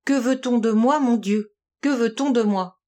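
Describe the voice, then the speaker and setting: A woman's voice: a little high, measured pace, mellow, lightly acted. Tearful dramatic young woman, pleading hard, read by a woman in an audiobook. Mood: distressed. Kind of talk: audiobook reading.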